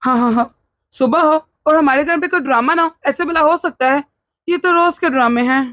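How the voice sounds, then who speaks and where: A woman voicing an easygoing middle-aged father-in-law in an animated cartoon who stays out of quarrels, speaking in a placid, wry way. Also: high voice, fairly quick, dry recording.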